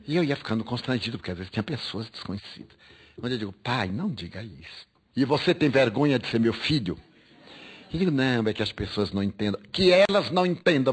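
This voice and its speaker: A man's voice: medium pitch, slightly rough. An older man telling a moving personal story, acting out the dialogue with feeling. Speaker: speaker. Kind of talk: recorded spiritual talk.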